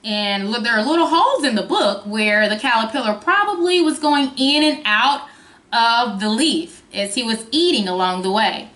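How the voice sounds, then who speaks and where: A woman teacher reading a picture book aloud to young children in an expressive sing-song way, engaging them with simple questions. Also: fairly high pitch, moderate pace. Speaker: kindergarten teacher. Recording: roomy, echoing sound.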